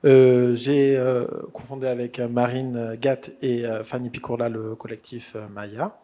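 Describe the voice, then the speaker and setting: A man introducing himself as an architect on a panel, halting and full of fillers. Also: medium pitch, little pitch movement, warm tone.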